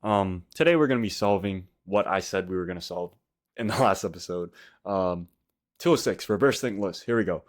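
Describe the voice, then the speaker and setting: A young man with a fairly low voice hosts a casual tutorial. He has a slight lisp from wearing a retainer. He talks informally and slangily, thinking aloud in short, broken phrases. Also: animated, fairly quick. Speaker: tutorial host.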